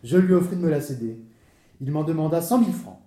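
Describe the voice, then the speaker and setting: A man's voice: a little high, expressive, fast, dark tone, echoey room, natural voice. A man playing a fussy, wordy storyteller. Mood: lively. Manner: theatrical, wordy, easily flustered. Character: talkative man telling a comic misadventure. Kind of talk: stage comedy dialogue.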